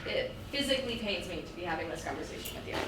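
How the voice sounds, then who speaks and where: A woman's voice: on the low side, expressive, rapid-fire, a bit bright. An actress playing a blunt, exasperated woman candidate in a staged comedy reading. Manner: exasperated, emphatic. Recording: very echoey stage, distant mic, noisy.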